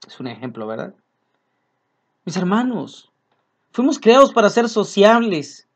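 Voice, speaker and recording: A man's voice: high voice, very animated, a little slow. A man preaching a sermon, earnest and repeating his key phrases as he speaks to his congregation as brothers.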